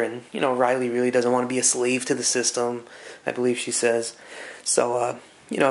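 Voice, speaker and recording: A man's voice: mid-range voice, vocal fry. A man giving casual, loosely conversational commentary as he recaps a story, rambling and hesitant as he goes. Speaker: comic reviewer.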